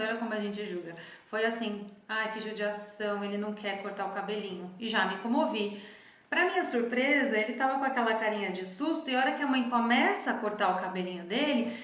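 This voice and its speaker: Calm woman therapist explaining. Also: fairly high pitch. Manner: calm, explanatory, often adds "né?". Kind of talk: reflective teaching talk. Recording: echoey room.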